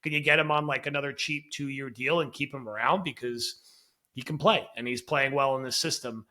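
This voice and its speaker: Bright-voiced man talking football. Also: mid-range voice, normal speed. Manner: animated, exasperated fan talk. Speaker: podcast co-host. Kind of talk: casual sports podcast chat.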